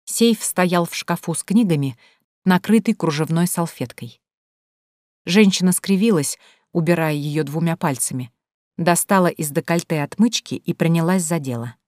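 Низкий женский голос чтицы. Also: female voice, on the low side, darkish tone, dry recording, studio quality. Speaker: audiobook narrator. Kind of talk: scripted narration.

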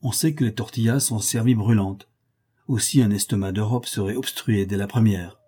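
Male audiobook narrator, measured reading, dark husky tone. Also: fairly low pitch.

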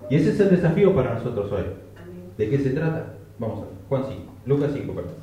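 Chatty preacher in an echoey hall. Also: male voice, medium pitch, very animated, quick pace, warm tone, a little hiss or hum. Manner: chatty, joking asides, rhetorical questions. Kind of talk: conversational sermon. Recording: echoey, distant, dull lo-fi recording.

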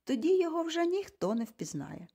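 A woman voicing a bossy, brisk adoptive mother in an audiobook, with an emphatic, commanding and impatient delivery. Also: sits high, sing-song, gravelly, warm tone, voice pushed up, exaggerated voice. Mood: forceful. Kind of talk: audiobook character reading.

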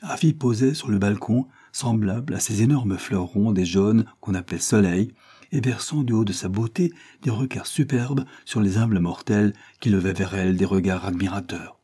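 Low, husky male narrator. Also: normal speed, dark tone. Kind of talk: audiobook narration.

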